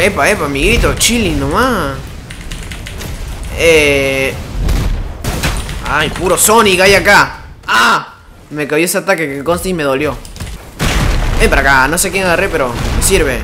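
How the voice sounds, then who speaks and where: A man giving excitable live gameplay commentary, yelping and exclaiming as things happen in the game. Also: on the high side, a little slow, pauses often, background noise. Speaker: gaming streamer.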